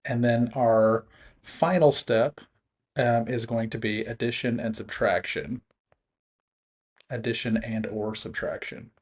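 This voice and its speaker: A man teaching a recorded math lesson, talking through the steps in a relaxed way and chuckling at his own slips. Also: medium pitch, slow pace, long pauses, husky.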